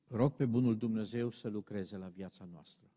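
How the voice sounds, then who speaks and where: A man delivers a sermon in a mellow, darker voice, building to stern, emphatic appeals. His words ring out with the long reverb of a large hall. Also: fairly low pitch. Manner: emphatic, rising to stern exhortation. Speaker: preacher.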